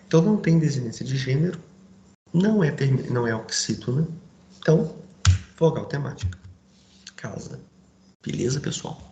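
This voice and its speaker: A man teaching a grammar lesson, explaining step by step and checking in with his students through quick asides. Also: medium pitch, lively intonation, mellow, lo-fi sound. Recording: roomy echo, faint background noise.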